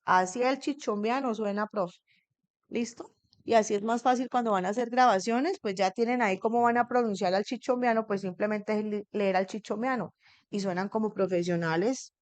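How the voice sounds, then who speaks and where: A woman's voice: on the high side, no room sound. A woman teaching an English grammar lesson in a classroom. She keeps checking in with her students and asks them questions.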